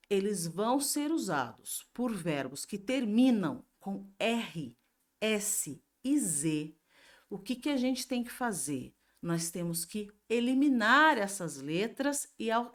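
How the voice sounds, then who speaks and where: Slow, patient woman teaching grammar. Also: medium pitch. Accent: Brazilian Portuguese. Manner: slow and explanatory, asks and answers her own questions. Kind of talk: grammar review lesson.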